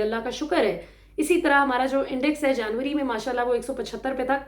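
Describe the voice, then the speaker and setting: A woman from Pakistan delivers political commentary straight to her viewers in a high, emphatic voice. She sounds indignant and often slips into English phrases. The room around her gives a noticeable echo.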